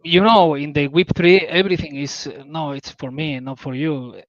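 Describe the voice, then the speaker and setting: On a community call, a guest from southern Spain talks casually in Spanish-accented English, eagerly reaching for words in a language that isn't his native Spanish. His voice is on the high side and steady at a normal speed, recorded with no echo but sounding muffled.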